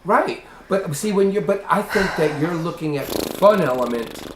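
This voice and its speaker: A man's voice: a little high, lively intonation, moderate pace. A man coaching a younger woman in a casual conversation, earnest and emphatic, sometimes acting out quoted voices. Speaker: host, life coach. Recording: roomy, faint ambient noise.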